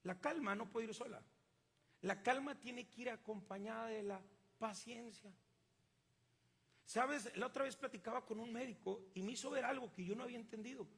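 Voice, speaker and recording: A man's voice: very high voice, moderate pace, vocal fry, fairly bright tone, breathy edge, in a large hall. A man with a Mexican accent preaching a sermon, emphatic and drawing the congregation in with call-and-response questions. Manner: emphatic, asks the congregation to fill in words. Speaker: pastor.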